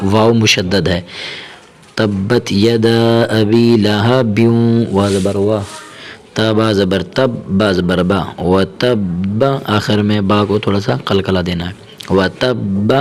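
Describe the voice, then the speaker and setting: Male tajweed teacher with a lowish voice, patient and repetitive, stretches syllables slowly. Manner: patient and repetitive, drawing out syllables slowly, often asking "okay?"; brisk explanations between slow syllable drills. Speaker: Quran reading teacher. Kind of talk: step-by-step tajweed lesson, spelling out letters and vowels.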